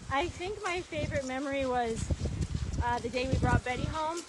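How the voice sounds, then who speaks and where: A woman chatting casually as she guides a walking tour outdoors, telling stories in an animated way and acting out reactions. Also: sits high, moderate pace. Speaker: sanctuary founder and tour guide. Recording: noisy outdoor recording, clicks and footsteps.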